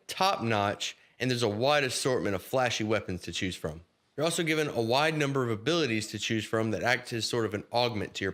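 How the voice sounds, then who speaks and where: A man's voice: mid-range voice, fairly bright tone. Man narrating a video game review. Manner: casual, direct address to viewers.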